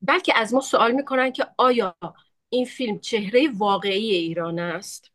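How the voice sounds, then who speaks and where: A woman panelist speaking over a video call, talking in short measured segments and pausing for interpretation. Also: medium pitch, fairly bright tone. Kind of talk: webinar talk in short segments.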